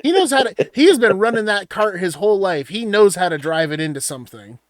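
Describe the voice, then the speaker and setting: A young man co-hosting a casual podcast stream, talking loudly and excitably with plenty of swearing. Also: sits high, a little fast, dry recording, studio quality. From Washington State. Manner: loud, excitable, profane. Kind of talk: casual banter.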